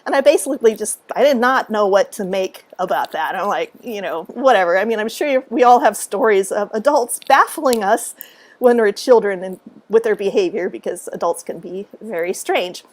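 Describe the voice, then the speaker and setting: A woman telling a story to camera in a relaxed, animated way, acting out what people said and laughing along the way. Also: medium pitch, moderate pace. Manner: animated, acts out quotes, laughs often. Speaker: author and speaker. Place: at home.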